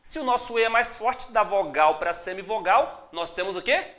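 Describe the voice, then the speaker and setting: A teacher with a Brazilian accent giving a live online exam-prep lesson. Upbeat and encouraging, greets viewers by name and spells out syllables slowly. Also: medium pitch, lively intonation, fairly bright tone. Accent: Brazilian Portuguese.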